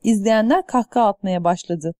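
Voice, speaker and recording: A woman reading an audiobook in scripted narration, with a measured, even delivery. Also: medium pitch, dry recording, clean studio sound.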